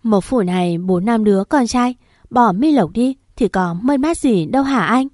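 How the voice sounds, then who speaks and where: A middle-aged mother, desperate and weeping, pleading with her husband in a high, tearful voice, as a woman storyteller voices her. It is recorded dry and close. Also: expressive, normal speed, a little mellow, no room sound. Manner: sobbing, pleading.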